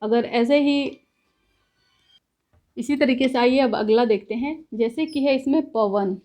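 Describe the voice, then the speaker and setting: A woman's voice: fairly high pitch, a little slow, dark tone. Woman teaching step by step. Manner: explains step by step, asks herself questions; says "ठीक है" after points. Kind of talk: classroom lecture.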